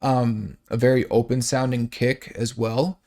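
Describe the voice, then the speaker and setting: A man's voice: mid-range voice, little pitch movement, measured pace, a little mellow. A man hosting a song breakdown, casually explaining the mix, thinking aloud with fillers and restarts, and humming sounds to show them. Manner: hums sounds to illustrate. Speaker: music breakdown host.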